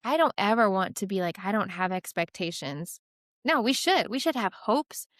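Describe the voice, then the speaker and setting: A woman's voice: mid-range voice, a bit bright, no echo. Woman, young adult, earnest, casual faith talk, filler words, dry recording. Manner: earnest, many "like" and "right?" fillers, quick asides.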